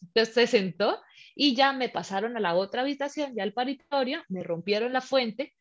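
A woman telling a personal story in casual chat, animated and acting out the scenes with her voice. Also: fairly high pitch, moderate pace. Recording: slightly muffled lo-fi recording.

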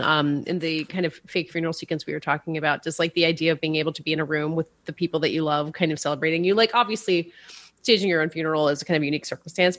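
A woman with a very low voice talks quickly about a film on a podcast. Her voice is recorded dry and close. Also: no room sound. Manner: quick, chatty, steering the talk. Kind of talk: casual film discussion.

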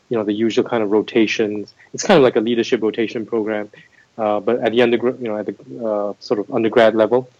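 A middle-aged man from Singapore, the head of MBA admissions, is a guest in an interview, reflecting thoughtfully on his career with frequent restarts and fillers. His voice is medium-pitched and darkish, with no room sound and the highs cut off.

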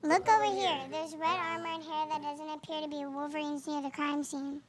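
A woman's voice: high-pitched, level tone, moderate pace, crowd noise, natural voice. A woman playing the Joker, a male supervillain groom turned determined detective, in a youth audio play. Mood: urgent, stern.

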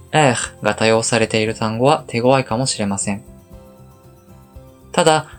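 Guy teaching a podcast language lesson, mid pitch, calm, explains step by step, soft music under it.

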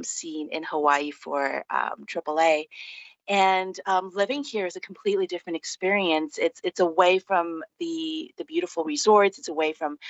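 This Singaporean food and travel journalist sits low in pitch with a somewhat bright tone. Appearing as an interview guest, she looks back on her experiences in easygoing conversation, captured on dry, slightly lo-fi audio.

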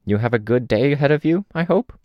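Man voicing an old woman, raised pitch, rambling, confiding, dry. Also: lively intonation, fast, dry recording, dull audio, lightly acted. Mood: earnest. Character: chatty old woman on a train, earnest.

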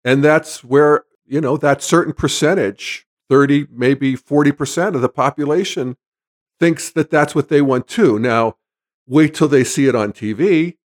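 A man's voice: a little high, a little slow. A man giving unscripted political commentary in a conversational, wry way, chuckling now and then. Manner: conversational, wry, chuckles at his own points.

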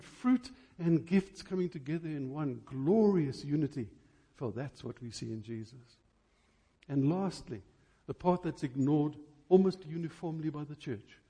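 This male preacher delivers a fiery sermon, leaning hard on key words and firing off rhetorical questions. He speaks with a fairly high pitch and a warm quality.

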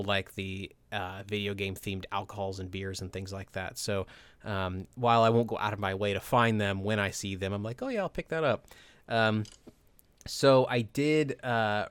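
A man talks easily as a podcast co-host, filling his pauses with ums and uhs. His voice is low and recorded dry and close. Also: clear, resonant tone, dry recording. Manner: relaxed, chatty, filler-heavy. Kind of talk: casual podcast chat.

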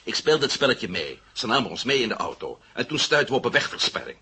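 A man's voice: mid-range voice, sing-song, quick pace, slight background noise. A man voicing a defiant, sarcastic adventurer held for questioning. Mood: recounting. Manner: sarcastic, defiant, sharp swings in loudness. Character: defiant male adventurer under arrest, sarcastic.

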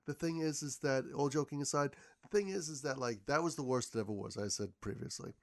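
A man's voice: mid-range voice, fast. A man as a podcast guest, talking casually and rambling with lots of restarts. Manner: rambling, many repeated starts. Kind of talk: casual conversation.

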